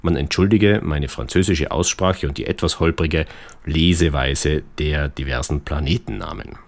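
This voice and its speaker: Very deep-voiced man reading science news. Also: normal speed, vocal fry. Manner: formal, reading from a script. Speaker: science podcast presenter. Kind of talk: scripted science news narration.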